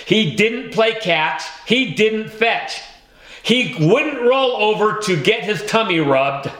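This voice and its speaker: A man's voice: sits high, animated, takes it slowly, fairly bright tone, echoey room, poor audio. A man narrating a children's audiobook in the first person, with a wry storytelling manner.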